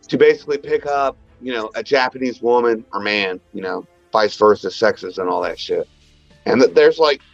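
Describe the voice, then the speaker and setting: A man co-hosting a podcast who rambles through crude casual chat and keeps trailing off and restarting his sentences. His voice sits a little high. The sound is slightly dull and muffled, with faint music underneath. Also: dry recording. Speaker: podcast co-host.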